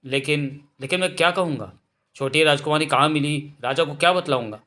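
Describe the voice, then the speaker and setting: A man's voice: fairly high pitch, fairly quick, bright, forceful tone. A man voicing an earnest young village lad who stammers when he is worried, in a storybook reading. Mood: nervous.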